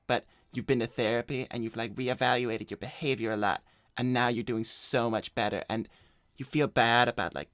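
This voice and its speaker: In an improvised cartoon livestream, a man voices a cocky, broke male hedgehog slacker who hands out shady advice, chatting in character in a casual, blunt, self-assured way. His mid-range, slightly bright voice is close to an everyday one, captured in clean, echo-free studio sound.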